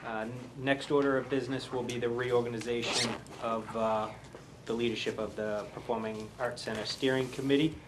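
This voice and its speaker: A man's voice: medium pitch, little pitch movement, fairly quick, background noise. A man, the committee clerk, running a formal municipal meeting with many hesitant fillers.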